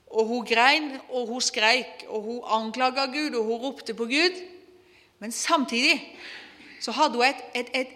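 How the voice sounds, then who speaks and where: Woman, preacher, earnest sermon storytelling, bright tone, long hall reverb. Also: fairly high pitch. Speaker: preacher telling a testimony.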